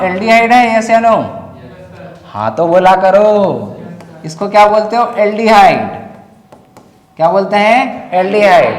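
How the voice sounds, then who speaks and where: A man with a Chhattisgarh accent teaching a chemistry class, asking students questions and then answering them himself. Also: high voice. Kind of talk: classroom lecture. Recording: echoey classroom with long reverb.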